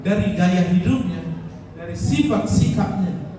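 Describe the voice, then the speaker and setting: A male pastor, preaching a sermon with dramatic swings in pitch. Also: a little slow, warm tone, slight background noise. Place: church hall. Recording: echoey hall, distant mic.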